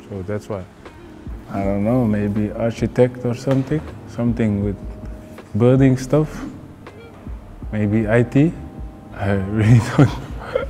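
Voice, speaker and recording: A young man in his twenties from the Netherlands with a Dutch accent, a footballer giving casual interview answers in a relaxed, hesitant way with many fillers. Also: on the low side. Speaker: football player. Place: indoor hotel room.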